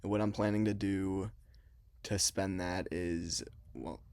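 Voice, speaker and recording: A man's voice: low-pitched, fairly even intonation, takes it slowly, vocal fry, darkish tone, no room sound, clean studio sound. A young man talking casually in an explanatory vlog, his mouth numb after having a cavity filled. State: mouth numb from a dental filling. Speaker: trading vlogger.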